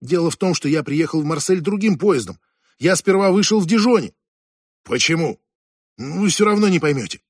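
A man's voice: fairly high pitch, animated, dry recording, clean studio sound. A man voicing a nervous young man who answers evasively and defensively in an audiobook. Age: young adult. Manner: evasive, defensive, explains haltingly.

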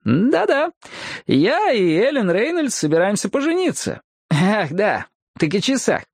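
A man doing a high sneering frontier rival. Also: wildly swooping pitch, measured pace, creaky, slightly rough, dry recording, clean studio sound, exaggerated voice. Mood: gloating. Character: gloating male frontiersman rival, smug and mocking. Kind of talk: audiobook character voice.

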